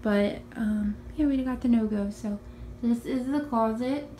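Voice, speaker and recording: Filmed on a handheld phone, a young woman vlogger gives a casual tour of her small bedroom in a raspy just-woke-up voice, chatty and upbeat with many ums and likes. Her pitch sits on the high side and her pace is unhurried and mellow, with a little hiss or hum.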